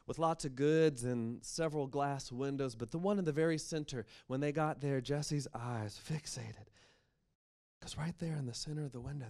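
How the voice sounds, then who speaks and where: A man with an American accent telling a spooky story aloud, with deliberate, dramatic pacing and expressive emphasis. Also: mid-range voice. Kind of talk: live oral storytelling of a spooky tale.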